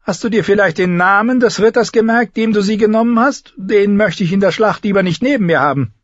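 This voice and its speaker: A man voicing a sharp-tongued, sardonic dwarf lord with a high, strained, barking voice in an audiobook reading. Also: brisk, no echo. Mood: dry, wry. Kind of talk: audiobook character voice. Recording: dull lo-fi recording.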